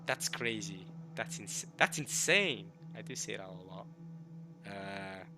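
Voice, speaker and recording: A man for whom English is a second language streams a visual novel, reading the game text aloud and rambling casually, often repeating and rephrasing himself, with excitable bursts. His voice sits on the low side and he takes it slowly. Game music plays in a noisy background.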